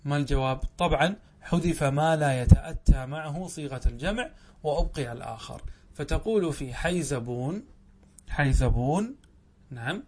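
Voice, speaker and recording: In a classroom lesson on Arabic grammar, a man poses his own questions and answers them, often drawing out words as he explains. His voice is a little high, expressive, a little mellow, and husky, moving at a moderate pace.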